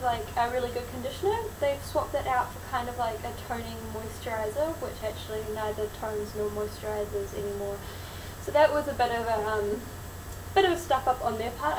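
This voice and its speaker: Casting: female New Zealander, broad Kiwi accent, informal how-to vlogger, recorded echoey and far from the mic with noticeable noise. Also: on the high side. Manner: frank, informal, explanatory. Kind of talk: casual how-to vlog talk. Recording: roomy, distant mic, clearly noisy.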